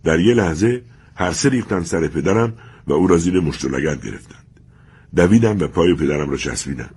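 Man reading a story, super deep voice, kinda husky. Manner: steady, measured reading. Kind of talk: scripted narration of a story.

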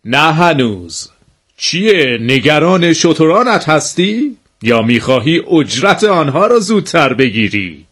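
A woman's voice: sits low, big pitch swings, husky, voice pushed down, heavily acted. A woman voicing a sarcastic male steward who speaks in a mocking, taunting way.

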